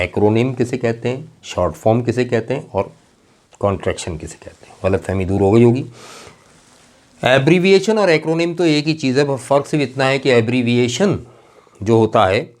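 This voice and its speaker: A male teacher giving a classroom lecture in a patient, explaining manner. He spells out example words slowly and letter by letter, and keeps checking that his students follow. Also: mid-range voice, a little mellow. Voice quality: slow, drawn-out emphasis on example words. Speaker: English teacher.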